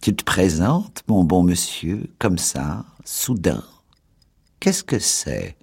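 A man voicing a suspicious old female pawnbroker, shrewd and prying, with slow querulous questions. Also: low voice, big pitch swings, creaky, darkish tone, breathy edge, full character voice.

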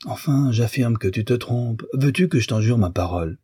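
A man's voice: medium pitch, expressive, normal speed, mellow, breathy edge, dry recording, clean studio sound, pitched above the performer's own voice. A man voicing an evasive, blustering middle-aged husband who protests in a flustered way.

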